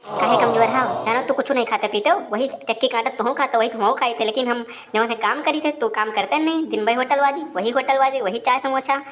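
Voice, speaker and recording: Complaining wife in a comedy sketch, fairly high voice. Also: female voice, a little fast, a bit bright, a little hiss or hum. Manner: scolding, complaining.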